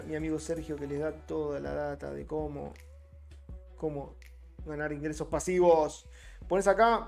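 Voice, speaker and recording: A slightly high, gravelly male voice with a Rioplatense Spanish accent. He talks casually to his live chat, greeting viewers by name while he comments. Faint music plays underneath. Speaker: trading streamer.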